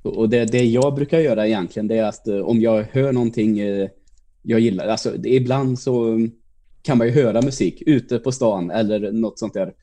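A man's voice: lowish voice, dark tone. A man co-hosting a podcast, telling a school story with many hesitations. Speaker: podcast co-host. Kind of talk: casual storytelling.

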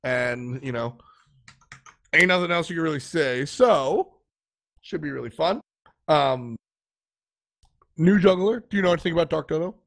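A man hosting a casual esports podcast, joking and animated, often trailing off and restarting. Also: a little high, normal speed, gravelly, pauses often. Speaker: podcast host.

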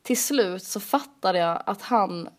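A woman's voice: mid-range voice, lively intonation. A young woman co-hosting a podcast, telling stories in casual chat with lots of filler words. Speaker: podcast co-host.

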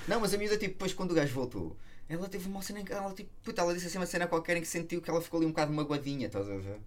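A man with a European Portuguese accent, a comedian guest telling stories in rapid, slang-heavy podcast banter. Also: a little high, lively intonation. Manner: rapid, slangy, storytelling with laughs.

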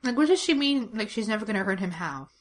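A woman chatting casually as a podcast co-host, adding dry, deadpan sarcasm and short agreements. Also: mid-range voice, fast talker. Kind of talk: casual chat.

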